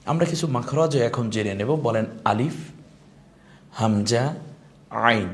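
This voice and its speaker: A man's voice: lowish voice, slight background noise. A man teaching an online lesson on Quran recitation, patiently modelling each letter sound for the learner to repeat.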